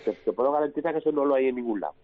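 A man from Cádiz province with an Andalusian accent, a comedian telling lively anecdotes in a radio interview, acting out the people in them. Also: medium pitch, racing, no room sound, phone-quality sound. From Cádiz province, Spain. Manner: lively anecdotes, mimics his mother's voice. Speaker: comedian guest. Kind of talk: animated storytelling in a radio interview.

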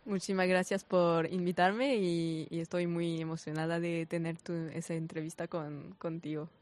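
A woman in her twenties from France with a French accent, answering interview questions haltingly in a language that is not her native one. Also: on the low side, little pitch movement, darkish tone. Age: 20s. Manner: halting, searching for words in non-native Spanish. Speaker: interview guest, sports volunteer.

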